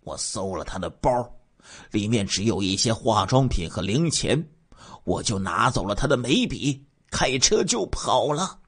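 Husky man narrating crime dramatically. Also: lowish voice, very animated, measured pace. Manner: emotional, swings from hushed to loud. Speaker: true-crime storyteller.

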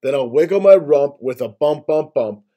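Storybook villain: a man doing a raspy, bullying male boar, mellow low voice, sing-song threats. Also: lively intonation, normal speed. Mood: menacing. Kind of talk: storybook reading.

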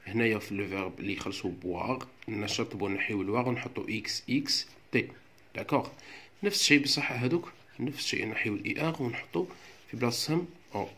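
Algerian teacher patiently explaining grammar. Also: male voice, on the low side, bright, forceful tone. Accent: Algerian Arabic. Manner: patient, step-by-step explaining, often checks with "d'accord". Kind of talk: explaining a French grammar lesson.

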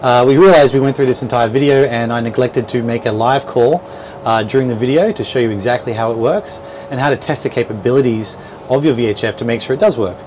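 Wearing a lapel mic inside a small boat cabin at a marina, a man in his thirties who presents for a boat dealer walks viewers through things informally. He talks at a quick pace in a mid-range voice, hesitating and repeating words, while a steady hum fills the noisy cabin.

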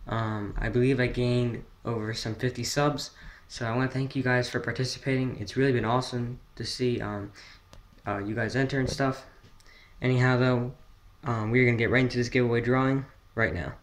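A teenage American man with a medium-pitched voice speaks as a channel host. He announces a giveaway in a casual vlog style, chatting straight to his viewers. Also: steady tone, brisk. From New Jersey, United States. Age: teens. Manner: casual, addressing viewers as guys.

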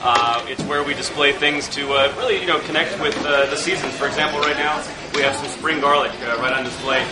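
A man in his thirties, a restaurant chef, giving a walkthrough interview with frequent uh pauses. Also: on the high side. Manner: hesitant, many filler uhs. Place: restaurant wine cellar and dining rooms, indoors. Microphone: camera mic, handheld camera close by. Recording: echoey room, noisy background hum.

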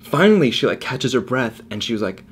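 A man's voice: mid-range voice, very animated, brisk, a little hiss or hum. A young man co-hosting a casual podcast, telling a long story loosely with many fillers. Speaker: podcast co-host. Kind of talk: casual chat.

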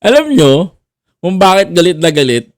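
Chuckling man with a lively up-and-down voice. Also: high-pitched, slow pace, no echo. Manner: laughs often, teasing, repeats himself. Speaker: vlogger host. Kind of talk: casual mocking commentary.

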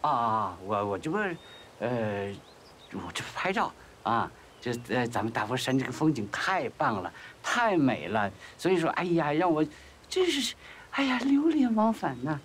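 A man's voice: mid-range voice, sing-song, normal speed, fairly bright tone, slight background noise. An actor playing a flustered middle-aged man who stammers and turns defensive. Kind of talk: TV drama acting.

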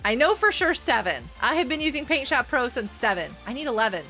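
A woman's voice: sits high, big pitch swings, fairly quick, pushed and bright, soft background music. A middle-aged woman hosting a game livestream over a headset mic, chatting and laughing as she greets viewers by name. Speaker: livestream host and homeschooling parent. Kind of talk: casual livestream chat while playing a game.

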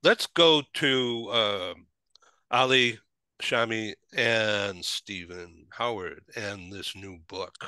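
A man's voice: on the low side, slow pace, bright, forceful tone, clear, resonant tone, no echo. A man hosting a talk show panel on a video call, asking loose, meandering questions.

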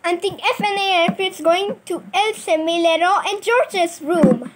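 Very high, slow playful woman narrator. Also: very noisy. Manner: playful, sing-song sound effects. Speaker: toy play narrator. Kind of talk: toy play storytelling with character voices.

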